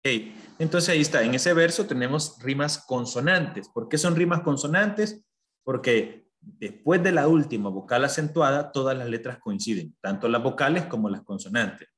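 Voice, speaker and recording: A man teaching a lesson, explaining step by step in a patient, even voice. He keeps stopping to ask his students whether things are clear. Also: medium pitch, moderate pace. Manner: explains patiently, checks understanding with questions. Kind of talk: online class lesson.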